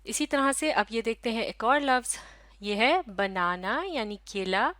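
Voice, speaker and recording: A woman teacher giving a recorded lesson, talking slowly and patiently, breaking words into syllables and repeating them. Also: a little high, lively intonation, fairly bright tone, no room sound. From Pakistan.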